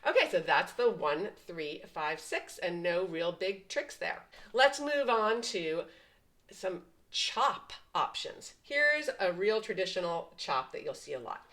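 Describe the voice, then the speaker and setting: A woman's voice: lowish voice, sing-song, slow pace, a bit bright, poor audio. A woman teaching piano patterns step by step, patiently explaining and counting the beats aloud. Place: at a piano, indoors. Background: piano playing.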